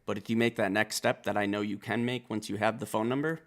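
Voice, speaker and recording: A man's voice: lowish voice, steady tone, fast talker. A man reviewing a rap album in casual, profane commentary, calling himself a country boy as he breaks down the lyrics. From Wisconsin. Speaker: music reaction reviewer.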